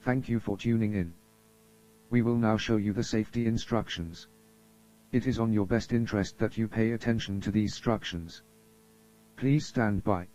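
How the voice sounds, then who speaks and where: Through dull, muffled lo-fi audio, a man reads scripted emergency announcements with formal solemnity, like a broadcaster addressing the public. His very dark, mellow voice sits fairly low, with fairly even intonation at a normal speed.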